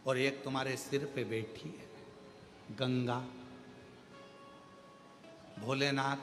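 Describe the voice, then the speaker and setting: A man voicing a humble male demon king, speaking softly and low with a pleading tone in a long echoing hall with music behind. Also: lightly acted. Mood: teasing.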